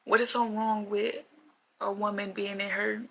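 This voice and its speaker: A vlogger in her mid-twenties rambles casually to camera in a rant, repeating herself and saying "like" constantly. Her mid-range voice barely moves in pitch and keeps a measured pace, and the recording is rough.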